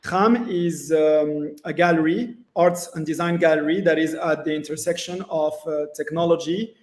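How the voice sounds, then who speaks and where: A man from Morocco, a gallery founder, introducing himself in a measured way. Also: fairly high pitch, fairly even intonation. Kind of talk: conversational self-introduction. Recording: echoey room.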